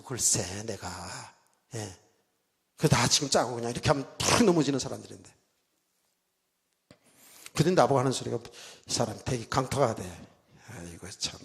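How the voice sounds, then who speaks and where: A middle-aged male pastor preaching a sermon, telling stories with lively asides and mimicking a shouting revival preacher. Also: mid-range voice, vocal fry. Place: church sanctuary. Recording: church hall reverb.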